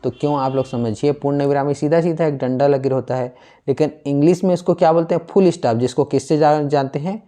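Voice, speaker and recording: A man with a warm, fairly high-pitched voice gives a brisk classroom lecture on Hindi grammar. He poses questions to his students, answers them himself, and often repeats key words.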